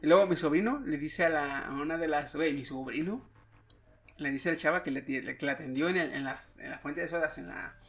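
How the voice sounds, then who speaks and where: A man's voice: fairly high pitch, fairly quick, a bit bright. A man with a Mexican Spanish accent chatting casually, slangy and swearing a lot as he tells stories, putting on other people's voices. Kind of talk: casual chat.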